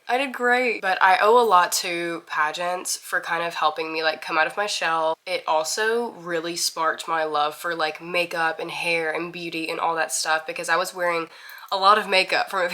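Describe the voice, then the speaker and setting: A woman's voice: on the low side, sharp tone. A woman of twenty from Mississippi, chatting candidly to camera in a casual intro vlog and laughing at herself. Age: 20s. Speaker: vlogger.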